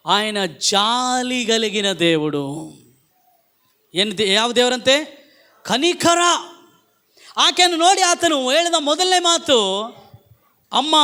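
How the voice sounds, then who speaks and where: A man's voice: extremely high pitch, bright, forceful tone. A male pastor, preaching emphatically at a church service and calling the congregation to repeat after him. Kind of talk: Pentecostal-style sermon.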